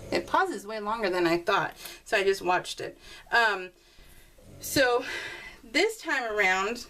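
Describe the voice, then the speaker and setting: At a craft table indoors, a woman chats like a crafting vlogger talking while she works, rambling through personal stories and getting animated when retelling conversations. Her medium-pitched voice is slow, and the rough recording has her far from the mic.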